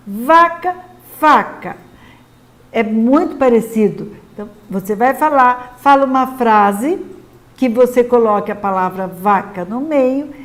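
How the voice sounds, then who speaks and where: A woman with a Brazilian Portuguese accent giving a patient, clear lesson to parents on helping children speak correctly. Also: sits high. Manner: patient, explanatory, models words slowly and clearly. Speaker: literacy teacher advising parents. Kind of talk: instructional talk to parents.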